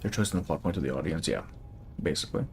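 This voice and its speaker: A man's voice: extremely low pitch, animated, rapid-fire, creaky, darkish tone, slight background noise. A young man casually chatting and laughing through live gameplay commentary. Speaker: streamer.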